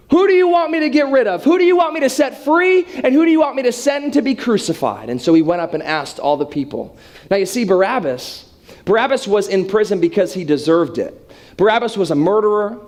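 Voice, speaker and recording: A man's voice: high-pitched, a little mellow. A young man giving a storytelling sermon to students in a dramatic, conversational way. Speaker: youth speaker.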